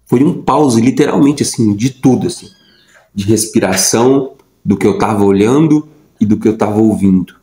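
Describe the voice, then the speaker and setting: A man's voice: on the low side, moderate pace, dark tone, roomy sound, rough recording. A young adult man telling a personal story in a casual, rambling way, with lots of fillers and repeated words. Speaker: vlogger.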